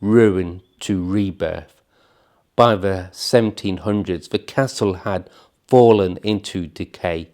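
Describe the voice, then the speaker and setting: A man reading scripted documentary narration in measured, solemn phrases with dramatic pauses. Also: deep voice, a little mellow.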